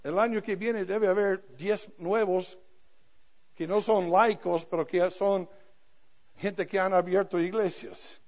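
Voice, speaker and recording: An older man, a pastor, preaching a sermon with humorous personal stories, swinging between quiet asides and loud emphatic passages. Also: high voice, fairly even intonation, slow pace. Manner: storytelling with self-deprecating humor, swinging from soft to loud. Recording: dull lo-fi recording.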